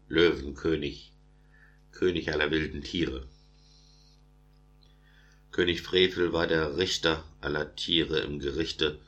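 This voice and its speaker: A man narrating an animal fable in verse, reading in a steady, chanting rhythm. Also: very deep voice, lo-fi sound.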